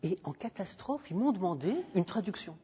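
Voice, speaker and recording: A man's voice: high voice, big pitch swings, moderate pace, warm tone, breathy edge. A man giving a university lecture into a handheld microphone, emphatic and digressive, talking freely with the audience. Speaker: guest lecturer. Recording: dull lo-fi recording with long hall reverb.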